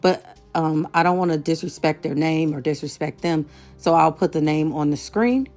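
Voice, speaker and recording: A woman's voice: deep voice, moderate pace, darkish tone, soft background music. A woman from the United States hosting an online show, giving impassioned commentary to camera, emphatic and outraged, repeating phrases for stress.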